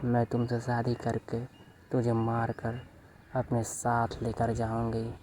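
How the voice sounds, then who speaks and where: A man voicing a vengeful female witch spirit who makes loud threats, over a noisy background. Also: medium pitch, monotone, takes it slowly, close to an everyday voice. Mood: menacing.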